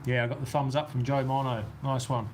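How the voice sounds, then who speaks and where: A man with a New Zealand accent answers viewer comments on a livestream, rambling casually while sheltering in an outdoor weather shelter on a golf course. His mid-range voice is flat in delivery and a bit fast, set against a noisy background.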